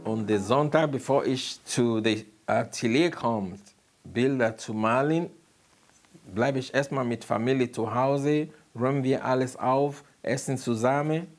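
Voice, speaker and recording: A man from Nigeria with a Nigerian accent, a barber and painter, answering interview questions in halting German and searching for words. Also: mid-range voice, soft background music.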